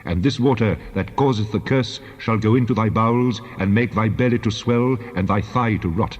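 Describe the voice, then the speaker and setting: A solemn, commanding God pronounces law in a low, husky voice. The delivery is measured and authoritative, in the manner of dramatized scripture, and it rings out in a long hall reverb. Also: male voice, darkish tone. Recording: long hall reverb, dull band-limited sound.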